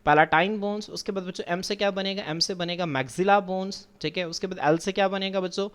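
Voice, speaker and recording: Talking fast in a high, smooth, slightly bright voice with fairly even intonation, a man teaches biology over slides in a classroom lecture. He is patient, repeating points, answering his own questions, calling the students children, and dropping English science terms into his speech.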